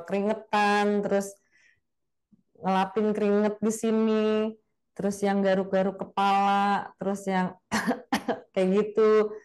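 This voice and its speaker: A woman speaking casually in a webinar on public speaking, chatty and lively, demonstrating different intonations, over a video call mic. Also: mid-range voice. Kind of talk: casual spoken lecture.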